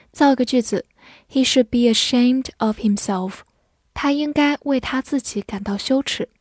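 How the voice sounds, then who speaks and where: A woman teaching English vocabulary in a scripted lesson, spelling words letter by letter and reading example sentences slowly. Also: a little high, a little mellow, no room sound.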